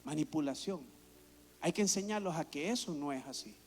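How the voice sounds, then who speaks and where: A pastor delivers a sermon with a voice that sits high for a man. He preaches in an animated, storytelling way and often acts out what people say. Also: normal speed, gravelly. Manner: animated storytelling with acted-out quotes.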